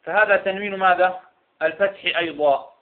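High-voiced male teacher, tinny sound. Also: fairly quick. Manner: asks questions and answers them himself. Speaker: Quran recitation teacher. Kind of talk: classroom lesson.

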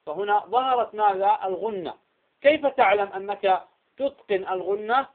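A man's voice: high voice, moderate pace. A man teaching Quran recitation rules, constantly asking quiz questions and answering them himself. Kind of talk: tajweed lesson. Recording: tinny phone-like line.

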